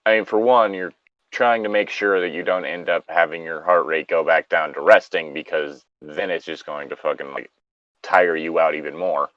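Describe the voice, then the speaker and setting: A man reads an online story aloud, then breaks off into casual, joking, rambling commentary laced with profanity. His voice is low and steady at a normal speed, captured in a dry, lo-fi recording.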